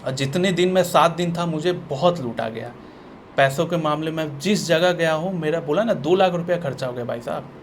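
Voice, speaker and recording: A man's voice: on the high side, normal speed, a little hiss or hum. Blunt, sarcastic man ranting. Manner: blunt, sarcastic, repetitive and restarting. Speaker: vlogger. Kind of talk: ranting opinion vlog.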